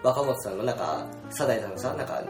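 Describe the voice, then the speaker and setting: A man's voice: mid-range voice, expressive, fast, reverberant, over music. A man who is a guest actor, chatting casually in a playful, teasing way. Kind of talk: casual chat.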